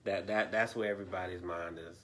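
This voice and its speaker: A man's voice: deep voice, fairly even intonation, fairly quick, fairly bright tone. A man hosting a casual political discussion, talking straight to his viewers and sometimes losing his train of thought. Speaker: host.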